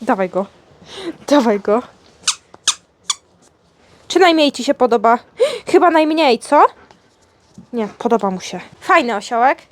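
Opening her dog's birthday gifts indoors, a vlogger keeps up a casual, playful chat with him in a sweet coaxing tone. Her voice sits a little high with lively intonation, and she takes her time, leaving long pauses.

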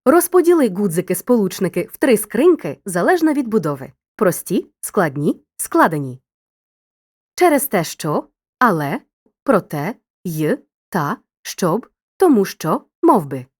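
A woman narrating a grammar lesson in a clear, scripted, teacherly way, speaking directly to the listener. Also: mid-range voice, sing-song, unhurried, darkish tone, dry recording, studio quality.

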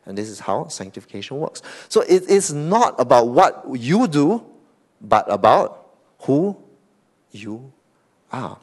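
A Singaporean man preaching a sermon as pastor, animated, often tagging lines with "okay?" and "right?", swinging between loud emphasis and soft asides. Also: medium pitch, takes it slowly, long pauses, husky.

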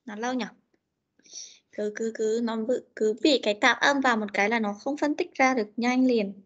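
With a bright, rather high voice, a young English teacher patiently drills pronunciation online, repeating and correcting words at a slow pace. The recording is muffled and sounds like it came through a video call microphone.

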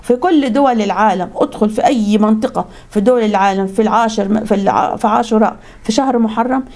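A woman's voice: a little high, darkish tone. A woman with an Egyptian accent giving a conversational religious talk, telling stories and often restarting her words. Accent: Egyptian Arabic. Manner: fast, conversational, frequent restarts. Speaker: religious speaker.

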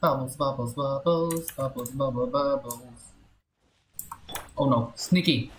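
Casual live gameplay commentary from a man who mutters short, playful exclamations to himself and his viewers while streaming. He speaks slowly at a medium pitch, with slight background noise. The room echoes, and video game music runs underneath.

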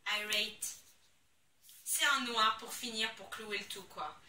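A young woman gushes over the products she unboxes, casual and full of exclamations. Her voice is quite high and very bright. It sounds roomy and echoey, with her a little away from the mic and a faint hiss behind. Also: takes it slowly. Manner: excitable, gushing, exclamations. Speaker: beauty vlogger. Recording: echoey room, somewhat far from the mic.

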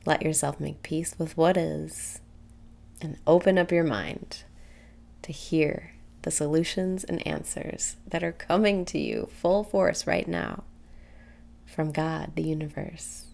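A young woman leading a guided meditation in a soft, soothing, breathy way, leaving pauses between phrases. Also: low-pitched, fairly even intonation. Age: young adult. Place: small room indoors.

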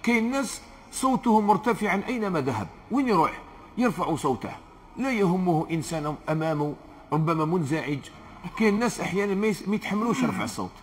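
A man with an Algerian Arabic accent delivers a sermon at a brisk clip. His voice sits high for a man, and he drives his points home by repeating short phrases with earnest insistence. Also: lively intonation, slight background noise. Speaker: preacher.

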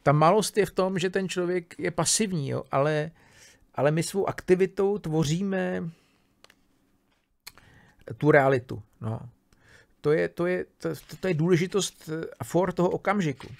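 Gravelly man giving a casual philosophy lecture. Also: sits high, pauses often. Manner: casual, thinking aloud with many fillers, restarts and tag questions. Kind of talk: informal spoken lecture on a philosophy text.

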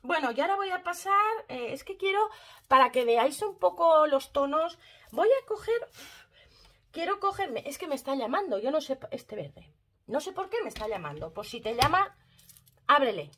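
Brief: bright-voiced woman vlogger, chatty makeup demo addressed to viewers. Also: sits high, sing-song, moderate pace. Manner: chatty, addresses viewers directly, fond of diminutives. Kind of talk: casual makeup tutorial chat.

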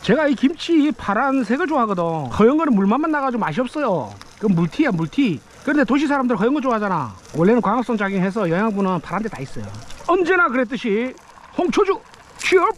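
Here a man vlogs about fishing from a rocky riverbank at night and during the day, chattering and exclaiming to himself between bites and casts. His extremely high voice is very animated and fast, captured by a head-mounted action camera with slight background noise, in casual narration.

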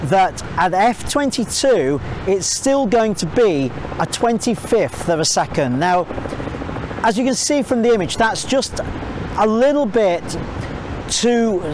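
Outdoors by a waterfall, a middle-aged photography tutor talks to camera through a clip-on mic, the camera at mid distance, amid noisy surroundings. His high voice is very animated but unhurried. He explains a photography technique step by step, thinking aloud and dropping small fillers along the way.

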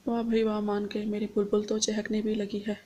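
A woman's voice: medium pitch, completely flat delivery, brisk, warm tone, lightly acted. A woman reading the lines of a mocking, menacing young man who taunts with sneers. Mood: taunting.

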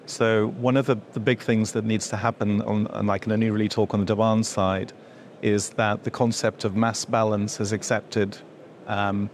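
Middle-aged man, low and even, hesitant interviewee with lots of ums, faint background hum. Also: normal speed. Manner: hesitant, many fillers and restarts, gesturing while explaining. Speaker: industry association executive. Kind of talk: explanatory interview answers. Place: indoor event room before a logo backdrop.

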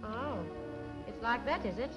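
An actress playing a sharp-tongued young woman who needles her lover with sarcasm, in 1930s film style. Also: a little high, measured pace, lightly acted. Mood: sarcastic. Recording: film soundtrack with music under it.

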